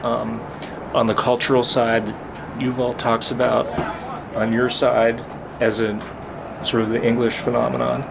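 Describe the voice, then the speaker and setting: A gravelly-voiced man talks as a guest author with a wry, self-deprecating edge. Clear city and traffic noise runs behind him, as if from outdoors nearby. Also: medium pitch, monotone, a little slow, pauses often. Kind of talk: casual interview chat. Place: inside a sauna at an outdoor festival.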